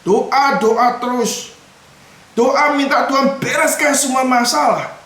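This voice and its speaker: A man's voice: extremely high pitch, takes it slowly, fairly bright tone. A man, a pastor, preaching a sermon to his congregation, often calling them brothers and sisters and slipping in English words. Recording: echoey church hall from far off.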